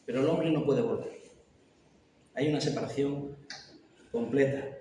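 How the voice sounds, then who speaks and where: A man's voice: mid-range voice, unhurried. Man teaching in echoey hall. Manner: animated, acts out voices of the lost. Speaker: Bible study teacher. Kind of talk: church Bible study teaching. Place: church hall. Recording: echoey hall from far off, faint hiss.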